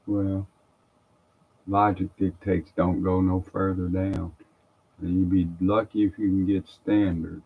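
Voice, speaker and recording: A man with a low, slightly husky voice talks offhand to his live viewers as he works out new software. He thinks aloud in a loose, chatty way. The audio is thin and tinny, like a phone line. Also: little pitch movement, measured pace. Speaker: trader streaming live. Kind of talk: casual live commentary.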